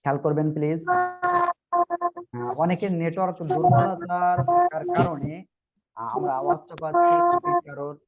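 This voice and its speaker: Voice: sits high, wildly swooping pitch, creaky, over loud music. Patient Quran teacher on a dull line. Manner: patient, repeats letter sounds slowly for the class; asks the group to repeat together. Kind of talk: online group class lesson.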